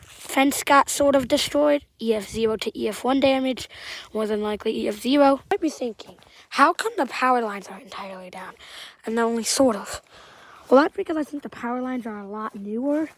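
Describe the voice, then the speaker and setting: A woman with a Southern-sounding accent walking outdoors through storm damage, giving halting, rambling commentary that often trails off quietly. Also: fairly high pitch, no echo.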